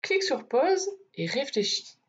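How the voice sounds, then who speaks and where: A woman teacher giving a phonics lesson to young children, stretching out each sound slowly and clearly. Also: sits high, sing-song, dull audio. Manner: slow, deliberate, over-articulated sounds.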